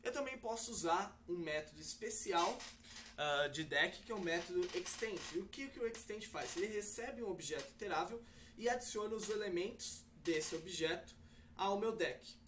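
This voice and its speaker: Man, coding teacher, higher voice, slightly distant mic, faint background hiss, step-by-step explaining with fillers. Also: expressive, moderate pace, a bit bright. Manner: explains step by step with many fillers and self-corrections. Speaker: programming teacher. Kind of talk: screen-recorded coding lesson.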